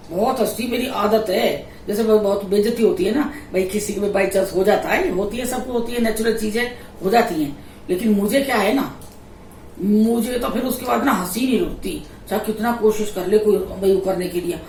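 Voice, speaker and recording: Vlogger mom, middle-aged woman, lively laughing storyteller; a bit off-mic in an echoey room with faint background hum. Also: mid-range voice, normal speed. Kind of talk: casual storytelling chat. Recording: echoey room, voice a little distant.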